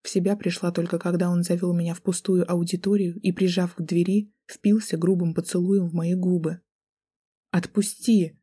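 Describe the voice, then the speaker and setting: A woman's voice: lowish voice, little pitch movement, a little fast, hardly any pauses, mellow, slightly rough. A woman narrating a first-person novel as an audiobook, reading in a tense, dramatic way.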